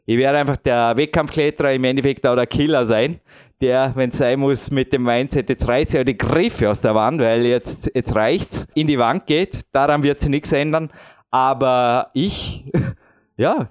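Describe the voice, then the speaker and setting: This podcast host, who also climbs competitively, is a man in his late thirties with a mid-range voice and a slightly slow delivery. Chatting casually and at length, he wanders from point to point, laughs often, and is quick to put himself down.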